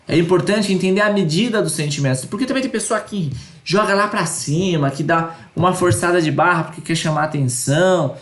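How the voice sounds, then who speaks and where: A man's voice: sits high, a little fast, a bit bright, roomy sound. A man teaching an online course lecture, earnest and repeating his points with tag questions.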